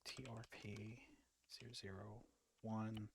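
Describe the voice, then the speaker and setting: Low flat male voice, muttering to himself, casual military sim gamer chat. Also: slow pace, vocal fry, noisy background. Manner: muttering to himself while working. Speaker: player working out mortar firing solutions. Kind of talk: casual, task-focused military game chatter.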